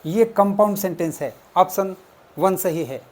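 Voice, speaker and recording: An exam coaching teacher explaining test answers, deliberately repeating and spelling out words step by step. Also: mid-range voice, a little mellow. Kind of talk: explaining exam answers, mixing English terms.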